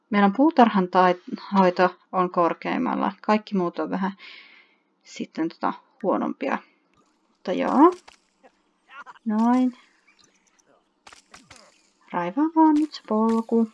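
A woman gives casual let's-play commentary in a chatty, mid-pitched voice. She reads game text aloud and breaks into excited shrieks. The recording is dull and lo-fi, like a basic home mic. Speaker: gaming YouTuber.

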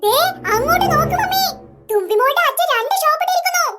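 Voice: very high-pitched, animated, fast, bright, forceful tone, pitched above the performer's own voice, full character voice. A performer voicing a whiny, spoiled little rich girl in a comic family sketch. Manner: whiny, pleading questions.

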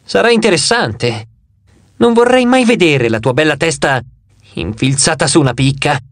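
A man doing a silky she-demon from an audiobook, purring and mocking as she toys with her listener. Her voice lifts a little above a plain man's tone, lively and shifting, recorded dry and close. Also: fairly high pitch, normal speed, no room sound. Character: seductive female demon, mocking and sly.

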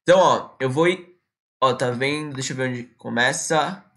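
A man teaching English on a live stream, dropping into slow, careful English for his examples. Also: mid-range voice, pushed and bright.

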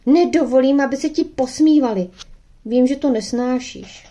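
A woman's voice: high voice, mellow, voice pushed up. A woman reading an audiobook voices a stubborn, indignant young girl who sulks and flares up. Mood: determined. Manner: sulky, indignant.

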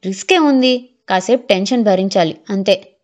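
A man's voice: high voice, moderate pace, lightly acted. A woman voicing a brash middle-aged village political fixer who brushes off worries in a breezy, dismissive way. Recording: muffled lo-fi, faint music.

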